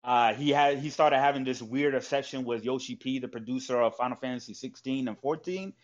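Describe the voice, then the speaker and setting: A man's voice: medium pitch, a little fast. Rambling profane man in lo-fi audio. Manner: rambling, profane, lots of fillers. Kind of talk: casual chat. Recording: dull lo-fi audio.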